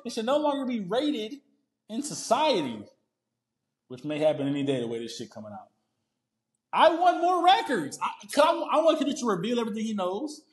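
Excitable, profane Boston podcast host. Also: male voice, high-pitched. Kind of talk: casual solo podcast monologue. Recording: roomy echo.

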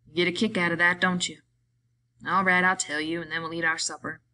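Woman playing a gruff, hot-tempered ranch hand. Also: lowish voice, level tone, fairly quick. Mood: gruffly softening. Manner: drawling rough rural speech, loud outbursts. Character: gruff exasperated grown man, quick-tempered ranch hand.

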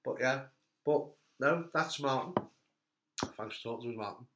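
A middle-aged man hosting a casual interview chat, telling stories with animated bursts. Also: medium pitch, moderate pace, background noise. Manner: animated storyteller, voice jumps up when telling funny bits. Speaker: host. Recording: echoey room.

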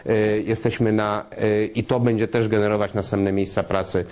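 A man answering in an unscripted TV interview as a business executive, halting and promotional, speaking directly to viewers. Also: fairly low pitch, flat delivery, a little mellow. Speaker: interview guest, trade fair business executive.

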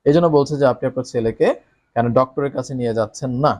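Speaking with a medium-pitched, darkish voice, a male English teacher shows how to read a story aloud. He often slows down to read lines with exaggerated expression and asks the listener tag questions.

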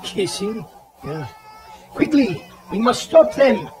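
Grave old professor, audio horror drama. Authoritative, theatrical, swooping intonation, deliberate delivery. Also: male voice, sits high, big pitch swings, a little mellow, heavily acted. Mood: urgent. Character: commanding, grave elderly professor and vampire hunter. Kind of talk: dramatized audio play acting. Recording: 1979 cassette audio drama, background bustle.

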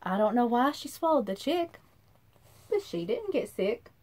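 In a small indoor room, a thirty-something woman sits about arm's length from the recorder and reads a rhyming story to kids. As a children's read-aloud host, she's expressive and sing-song, her pitch a little high and her pacing measured.

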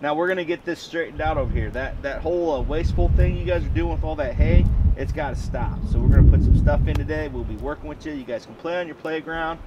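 A man in his thirties with an American accent talks casually to camera as a homestead vlogger, folksy and colloquial, filmed outdoors in a yard and in a garage. His voice is a little high and quick, with hardly any pauses. The lo-fi recording picks up background noise, outdoor wind, and birds.

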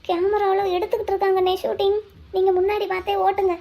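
A very high, piping voice belongs to a young village woman in a cartoon. She is wary and quick-witted, muttering her plans to herself and then sweetly coaxing the people around her. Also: flat delivery, warm tone. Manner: talks to herself, pleading and coaxing. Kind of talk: cartoon voice acting, inner monologue and dialogue.

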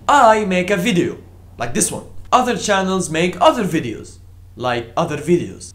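A man's voice: on the high side, fairly bright tone. A man giving a scripted tech explainer vlog from a home balcony, with dry sarcastic humor and punchy emphasis. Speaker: tech vlogger.

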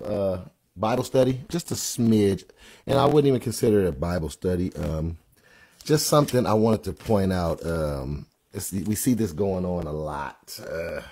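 Deep, gravelly man live-streaming. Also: mellow. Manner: loose and chatty, greets viewers by name; slows down to read scripture aloud. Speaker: livestream host and gospel rapper. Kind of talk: casual livestream Bible talk.

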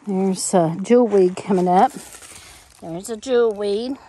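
Walking the woods out back of her farmhouse with a handheld camera, this middle-aged woman gives a casual, folksy narration full of fillers and easy laughter. She speaks in a mid-range, mellow voice at an unhurried pace.

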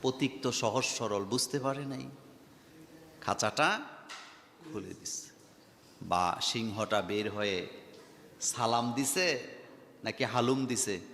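Emphatic preacher, echoey hall. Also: male voice, medium pitch, takes it slowly, long pauses, a bit bright. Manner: emphatic, rhetorical questions to the audience. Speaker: Islamic preacher. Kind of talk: Bengali waj sermon.

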